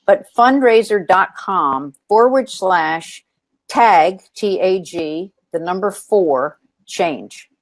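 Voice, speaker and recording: In an interview conversation with no echo, a nonprofit founder speaks extremely slowly in a low-side voice with lively intonation. Her storytelling is earnest, broken by frequent ums and restarts.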